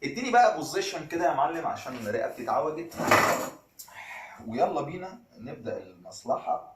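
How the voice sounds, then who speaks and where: A man's voice: a little high, sing-song, fast talker, echoey room, far from the mic, very noisy. A man with an Egyptian accent, a rapper and vlogger chatting loosely in slang between rap takes. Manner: loose, slangy, laid-back talk. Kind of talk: casual chat between freestyle rap takes.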